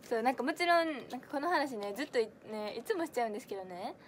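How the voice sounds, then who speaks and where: On her livestream, an idol audition hopeful in her twenties from Kansai, Japan, reads viewer comments and answers each one in turn, chatty, giggly, and full of fillers. Her bright, high-pitched voice carries a strong Kansai accent and is expressive and rapid-fire. She's close to the mic, with slight background noise.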